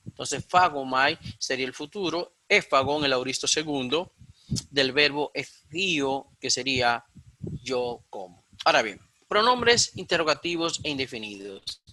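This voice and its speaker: A man's voice: medium pitch, lively intonation, measured pace, pushed and bright, no room sound, low-quality recording. A man with a Dominican accent teaching a recorded Koine Greek class, explaining things step by step with frequent fillers and self-corrections, and repeating points for emphasis. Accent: Dominican Spanish. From Dominican Republic.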